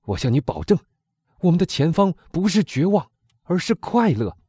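Fervent young lover guy, read by a man, urgent and pleading, husky low voice that swings all over. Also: sing-song, normal speed, warm tone, no echo, clean studio sound. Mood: hopeful. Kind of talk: audiobook character reading.

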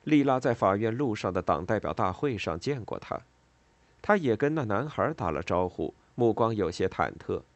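A man narrating an audiobook novel in an expressive, steady storytelling manner. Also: fairly low pitch, normal speed, dry recording.

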